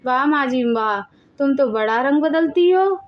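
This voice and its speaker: In an animated family drama, a woman voices a jealous, scheming elder sister-in-law who sulks and plots against the younger wife. Her voice is high and sharp, her mood bitter, and her pace measured. The lo-fi recording carries a little hiss or hum.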